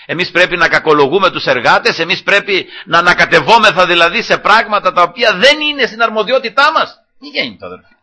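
A man's voice: high-pitched, lively intonation, pushed and bright. A male preacher delivering a sermon, retelling a scripture story with acted quotes and repeatedly addressing his listeners as brothers.

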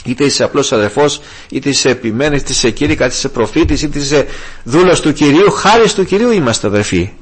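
A man's voice: medium pitch, animated, breathy edge. An older man preaching a sermon with fervor, calling his listeners brothers. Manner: fervent, addresses listeners as brothers.

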